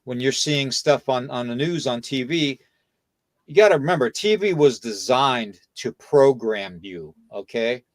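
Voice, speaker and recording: A man hosts a casual podcast in a voice that sits at an ordinary middle pitch. He lectures his listener, punctuating nearly every point with "okay?" and "you know." The sound is dry and close, with no room echo. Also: a little slow, few pauses. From United States. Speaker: podcast host.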